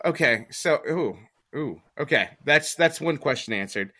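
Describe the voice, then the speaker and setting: A man's voice: fairly high pitch, lively intonation, measured pace, pushed and bright. A young man co-hosting a casual podcast, laughing often and asking rambling questions. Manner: giggly, asks rambling questions. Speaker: podcast co-host. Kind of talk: casual chat.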